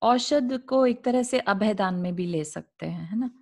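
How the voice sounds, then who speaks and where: This woman's mid-range voice sounds animated yet unhurried, with a somewhat mellow quality. Teaching scripture via video call, she reads from an old religious text, puts it into simple terms, and asks the class rhetorical questions.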